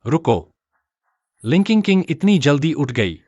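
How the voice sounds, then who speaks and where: A man's voice: a little high, a little slow, no echo, dull audio. A young man voicing an eager, earnest young hero in a dubbed drama. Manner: excitable, earnest.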